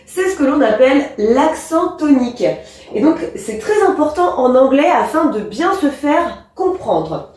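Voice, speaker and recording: Lively high-voiced woman teaching, echoey room. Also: a little slow, far from the mic. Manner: lively, addresses the listener directly, stresses example words. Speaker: English teacher. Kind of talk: explaining a lesson to a pupil. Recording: echoey room, a bit off-mic.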